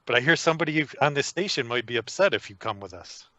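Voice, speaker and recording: A man's voice: mid-range voice, lively intonation, fast, bright, forceful tone, dry recording. A man playing a tabletop game, talking casually and hesitantly. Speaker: player. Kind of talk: tabletop role-play chat.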